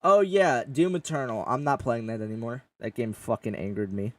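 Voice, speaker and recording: Casual podcast host, male, mid-pitched, rambling and profane, a bit off-mic, dry sound. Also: normal speed, recorded from a distance. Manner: rambling, swears often, jokey. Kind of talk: casual gaming chat.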